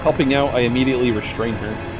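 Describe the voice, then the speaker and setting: A man's voice: mid-range voice, steady tone, quick pace, over loud music. Laid-back young man reading a game aloud. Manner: casual, joking, says "dude" and "bro". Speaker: gameplay streamer. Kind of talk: casual let's-play commentary reading game text aloud.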